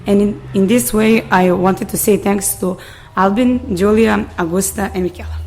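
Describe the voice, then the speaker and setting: A young woman with a Serbian accent presents a radio segment in English, her first language being Serbian. She moves steadily through lists of names and topics with a few small hesitations, at a mid-level pitch. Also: fairly even intonation, moderate pace, darkish tone, slight background noise. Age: 20s. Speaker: youth exchange participant presenting a radio piece. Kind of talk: prepared radio introduction.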